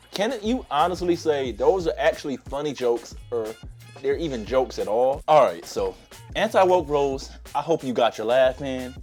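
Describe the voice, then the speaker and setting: A man's voice: mid-range voice, a little mellow. A sarcastic man hosting his own commentary video, ranting at viewers while losing his voice to a cold. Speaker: commentary YouTuber. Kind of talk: opinionated video essay.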